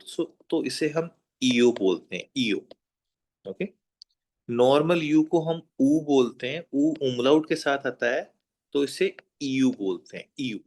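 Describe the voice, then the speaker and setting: Male language teacher, classroom whiteboard lesson, unhurried, patient, repeats sounds for students. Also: mid-range voice, a little mellow. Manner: slow, patient, repeats each sound and checks students are writing.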